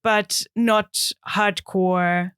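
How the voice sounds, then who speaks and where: A woman's voice: medium pitch, steady tone, extremely slow, fairly bright tone, clean tone, dry recording, clean studio sound. A German woman from the east of the country, co-hosting a podcast in friendly casual chat with a German accent. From eastern Germany. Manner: friendly, frequent agreeing interjections. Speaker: podcast co-host. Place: dry studio.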